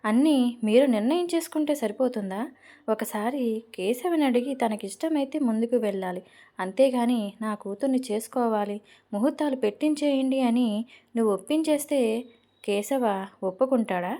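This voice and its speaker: A woman's voice: a little high, moderate pace, warm tone, natural voice. A woman voicing an angry young man who argues heatedly with his father in an audio novel. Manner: heated, insistent, repeats himself.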